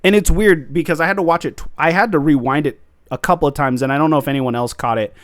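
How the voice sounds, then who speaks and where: A man's voice: on the high side, fast talker, no room sound, studio quality. A man hosting a casual review podcast, talking animatedly and mocking quoted lines in put-on voices. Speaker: podcast host.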